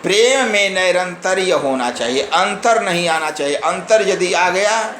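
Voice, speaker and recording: Slow, measured man expounding scripture. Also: sits high, expressive, a bit bright, roomy sound, a little hiss or hum, rough recording. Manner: recites verses then explains them line by line. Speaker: religious discourse speaker. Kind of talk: scripture discourse.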